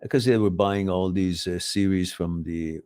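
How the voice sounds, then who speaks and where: This middle-aged host, a Farsi speaker from Iran, reads viewers' questions on a live advice stream. He speaks at normal speed in a low-pitched, darkish voice with fairly even intonation, rambling and often correcting himself.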